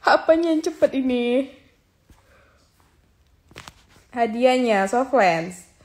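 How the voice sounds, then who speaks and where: Lying in bed, a woman in her twenties from Aceh, Indonesia chats casually on a phone live stream, reading viewer comments aloud and coaxing people to join her. The phone is held at arm's length, and her fairly high voice is animated but measured in pace.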